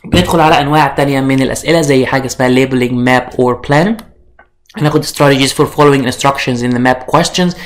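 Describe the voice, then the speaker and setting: A man's voice: medium pitch, brisk. A young man with an Egyptian Arabic accent, giving an online course introduction as an IELTS instructor and mixing English terms into his Arabic, with frequent fillers and restarts.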